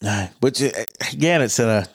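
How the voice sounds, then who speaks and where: A man's voice: medium pitch, expressive, moderate pace, breathy edge. A man with a broad Scottish accent from Dundee, hosting a podcast in casual conversation. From Dundee, Scotland. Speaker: podcast host. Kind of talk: casual interview chat.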